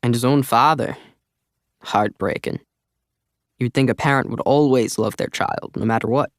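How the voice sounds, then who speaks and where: A man's voice: mid-range voice, normal speed, no echo, clean studio sound, close to an everyday voice. A man voicing a chatty older man with a slight accent, talking in a rambling, earnest way in an audiobook. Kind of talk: audiobook character voice.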